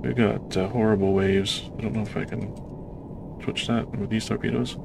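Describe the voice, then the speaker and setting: Monotone, gravelly man narrating gameplay. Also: fairly low pitch, moderate pace. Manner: self-described monotone, self-deprecating. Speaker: gamer playing a submarine sim. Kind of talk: casual gameplay commentary. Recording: noisy game audio behind voice.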